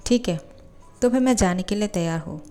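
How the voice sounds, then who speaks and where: A woman's voice: mid-range voice, a little fast, mellow, faint music behind, lightly acted. A woman reading the part of a jealous, sulky ten-year-old boy in a fan fiction voiceover. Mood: calm. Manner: curt, scolding.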